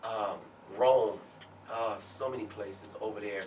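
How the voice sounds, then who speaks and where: A man who is a singer and a guest on a talk show. He tells stories from his career in a relaxed way. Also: on the low side, takes it slowly, distant mic, a little hiss or hum. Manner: relaxed anecdotal storyteller. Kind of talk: storytelling in an interview.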